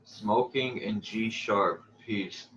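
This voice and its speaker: A man's voice: lowish voice, takes it slowly, fairly bright tone, highs cut off, a little hiss or hum. A man calling into a livestream over a video call that keeps breaking up. He talks bluntly and swears freely. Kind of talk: casual chat. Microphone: remote call connection, headphones.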